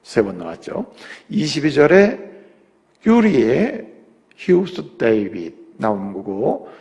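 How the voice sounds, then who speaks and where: Gravelly Korean pastor preaching in a reverberant hall. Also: male voice, medium pitch, wildly swooping pitch, slow. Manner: swings from quiet explanation to loud rising exhortation; acts out biblical speech in quotes. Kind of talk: sermon. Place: church sanctuary.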